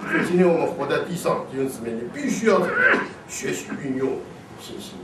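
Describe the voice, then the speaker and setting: A man preaching a sermon to a congregation, animated, often asking his listeners questions and answering them himself. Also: on the high side, fast talker, heavy background noise. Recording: echoey hall, distant mic.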